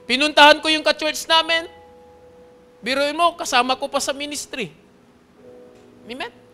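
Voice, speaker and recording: A man preaching as pastor, telling a personal testimony to his congregation in an earnest manner that swings between hushed and loud, pleading passages. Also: extremely high pitch, fairly even intonation, moderate pace, soft background music. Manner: earnest, often checks in with the congregation.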